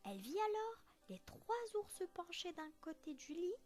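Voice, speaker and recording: A woman teacher reading a children's story aloud in a slow, expressive storytelling voice. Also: very high-pitched, soft background music.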